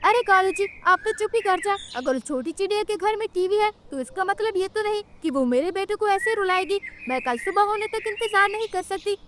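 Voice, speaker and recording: Brief: woman voicing a loud, bossy mother crow for a cartoon, very high voice, faint hiss behind. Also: expressive, a little fast, hardly any pauses. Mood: angry. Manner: scolding, threatening. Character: hot-tempered mother crow, loud and threatening.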